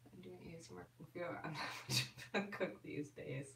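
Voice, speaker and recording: A woman hosts a casual live stream, answering viewers' comments in a chatty, easygoing way full of little fillers. Her voice sits a little low. She sounds set back from the microphone in a roomy, echoing space. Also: steady tone, fairly quick, creaky, a bit bright, slight background noise. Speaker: ASMR YouTuber answering live chat. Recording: roomy and distant from the mic.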